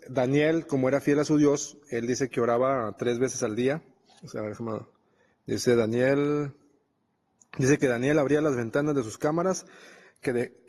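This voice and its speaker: A man's voice: mid-range voice, darkish tone, slightly rough, in a large hall. A man preaching a Bible study, reading scripture and explaining it conversationally.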